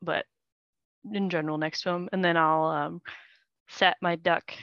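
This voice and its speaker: A woman talks casually as a player in a tabletop game. Her voice sits at a middle pitch. The recording is dry and a little dull. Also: flat delivery, measured pace, clean tone, no room sound.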